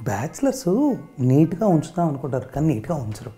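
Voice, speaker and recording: A man's voice: on the high side, very animated, fast talker, music in the background. A man playing a doubtful house owner who keeps raising objections in a comedy sketch.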